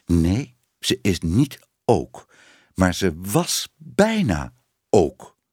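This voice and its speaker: A man's voice: sits low, wildly swooping pitch, drawn-out words, darkish tone, breathy edge, no room sound, studio quality, voice pushed down, exaggerated voice. A man voicing a stern, disapproving old female cat who scolds and bosses her niece. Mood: bossy.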